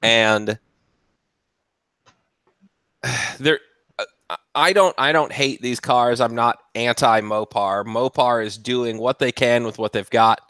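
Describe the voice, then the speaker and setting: A man's voice: medium pitch, slow pace, pauses often, bright, forceful tone, smooth, no echo. A man, a mechanic, talking cars in a casual chat and laughing often. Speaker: mechanic, guest.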